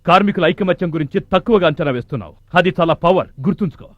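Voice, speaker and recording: A man's voice: sits high, racing, no room sound, dull audio, natural voice. A man playing a defiant, righteous young labourer hero in a Telugu film drama, with declamatory delivery.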